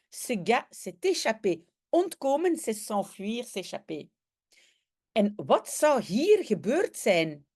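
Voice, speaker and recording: Here a Flemish-accented language teacher with a mid-range voice goes line by line through a comic, reading and explaining. Her delivery jumps into lively bursts as she acts out the characters' cries.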